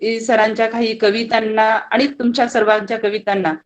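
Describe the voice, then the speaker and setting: Woman, slightly high voice, formal measured speech of thanks. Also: little pitch movement, low-quality recording. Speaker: vote of thanks speaker.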